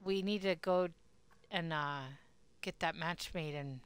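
A woman's voice: lowish voice, a little slow, smooth. A woman streamer chatting casually while gaming. She rambles and giggles, and she sounds sleepy and yawny. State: sleepy, yawning. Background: game music.

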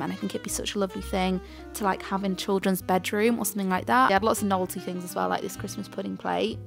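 A young lifestyle vlogger with a medium-pitched voice and vocal fry chats and gushes, first from her car and then as a voiceover on shopping clips.

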